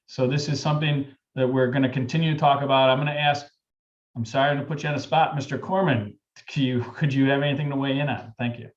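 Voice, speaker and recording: A man with a mid-pitched voice chairs a public meeting. He is polite and formal but halting as he finds his words, on slightly dull lo-fi audio. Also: fairly even intonation. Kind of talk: unscripted public meeting remarks.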